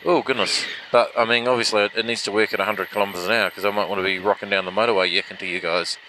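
This motovlogger talks very fast in a lowish, steady, pushed and bright voice as he rides, reviewing action cameras with casual, self-deprecating rambling from inside his helmet. The recording comes through a helmet mic with a foam fluffy and is noisy with wind and vehicle sounds.

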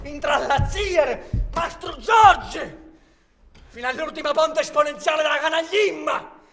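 A stage actor with a Neapolitan accent playing a volatile, scornful man in a live theatre performance, swinging between loud taunting shouts and hushed menace. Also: very high-pitched. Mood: ranting.

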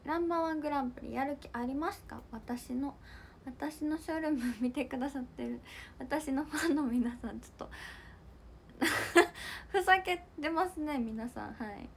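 A young woman chats with her viewers on a livestream, reacting to their comments with giggles. Her voice sits high and lively. A faint noise hums under the home mic. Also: moderate pace. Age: young adult. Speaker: idol livestream host. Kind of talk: casual livestream chat reading comments.

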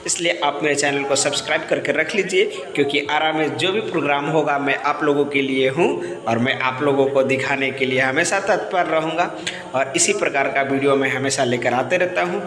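Outdoors at a crowded festival ground at night, a man vlogs casually to his viewers with a phone held at arm's length. His voice sits a little high and holds a steady tone as he talks a little fast over crowd noise. The phone recording sounds echoey and reverberant.

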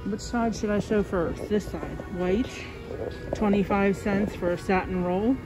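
Music plays behind a shopper's mid-range, slightly slow voice as she hosts a chatty store tour video through a muffling face mask. She apologizes as she walks a large store filming on her phone, with noisy ambience throughout.

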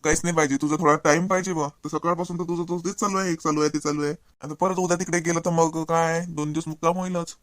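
A man playing an exasperated young husband with a Varhadi Marathi accent in a cartoon, scolding and quick. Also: on the high side, little pitch movement, a bit bright, dry recording, clean studio sound, natural voice.

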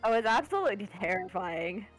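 A woman's voice: medium pitch, sing-song, brisk, soft background music. A woman chatting casually as a co-host of a game playthrough. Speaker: let's play co-host. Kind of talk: casual chat.

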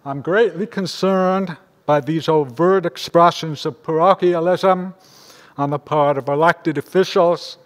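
An older man, a rabbi, giving a measured, grave sermon at a lectern microphone in a large synagogue sanctuary. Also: on the high side. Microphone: lectern microphone on a stand. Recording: long reverb of a large hall.

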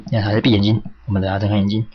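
A man's voice: lowish voice, little pitch movement, rapid-fire. Jumpy guy playing a scary game, yelps and swears a lot, bit muffled lo-fi mic. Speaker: game streamer. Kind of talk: horror game let's play commentary. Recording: slightly dull lo-fi home mic with faint hiss.

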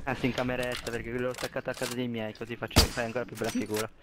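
A man's voice: medium pitch, level tone, rapid-fire. A man in a voice chat, teasing his friend playfully during a game. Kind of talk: casual gaming chat. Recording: loud gunfire noise behind.

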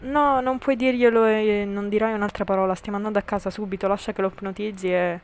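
A woman's voice: mid-range voice, fairly even intonation, quick pace, lightly acted. Woman reading as a stern, centuries-old male creature. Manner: curt, ordering. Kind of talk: amateur fan voice-over of a story game.

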